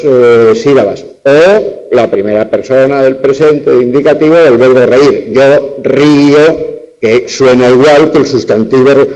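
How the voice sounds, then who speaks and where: A man's voice: medium pitch, a little mellow, poor audio. A man teaching a university lecture on spelling and accent marks, stretching out example words syllable by syllable. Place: classroom, lecture streamed online.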